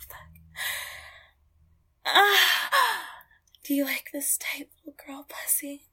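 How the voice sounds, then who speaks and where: A woman performing an intimate roleplay in soft, close whispers, often laughing quietly. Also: high-pitched.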